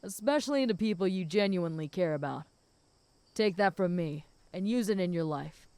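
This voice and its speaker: A woman voicing a flirty, possessive and protective female werewolf in an intimate audio role-play, speaking teasingly to the listener in a smooth voice. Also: fairly low pitch, animated, moderate pace, no room sound. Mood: calm, teasing. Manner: flirty, teasing, with soft chuckles.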